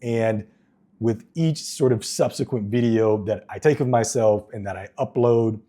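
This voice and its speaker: This is a casual vlog in which a man with a deep, mellow voice addresses the camera earnestly at an unhurried pace. He often says um and starts over, recorded inside on a wireless microphone.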